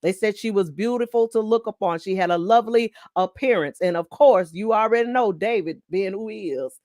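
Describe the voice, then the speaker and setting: A woman host giving an inspirational devotional talk in a fast, exhorting, preachy manner. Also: mid-range voice, darkish tone, no echo, clean studio sound.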